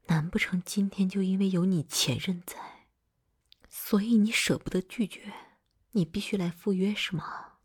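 In a whispered role-play, a woman plays a hot-tempered but doting older girlfriend who swears freely and swings between scolding and coaxing. Her voice is very breathy and husky, medium-pitched, with fairly even intonation and a moderate pace.

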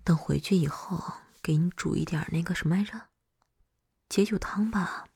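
A woman playing a breathy, hot-tempered older girlfriend, in whispered role-play. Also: on the low side, darkish tone, heavily acted. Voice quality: very breathy, husky. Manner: swears freely, swings from scolding to coaxing.

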